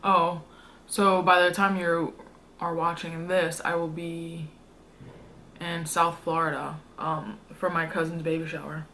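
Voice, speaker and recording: A woman's voice: lowish voice, flat delivery, a little slow, bright, forceful tone, slight background noise. A young woman chatting casually to her viewers as a food vlogger, in an informal, slangy, rambling way. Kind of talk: casual mukbang chat to viewers.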